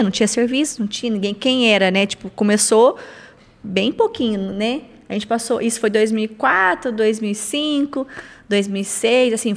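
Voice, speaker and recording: A woman's voice: a little high, in a large hall. A Brazilian woman in her forties, a podcast guest, telling a personal story in casual chat and laughing as she goes. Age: 40s. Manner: animated, laughing as she tells it.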